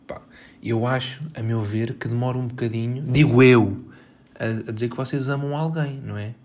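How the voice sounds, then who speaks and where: A young man with a European Portuguese accent rants alone into his podcast mic from his bedroom. His tone is sarcastic and exasperated, with a mock-dramatic edge. His voice sits at a middling pitch for a man. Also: fairly even intonation, normal speed, a little mellow. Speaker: podcast host. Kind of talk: solo podcast rant.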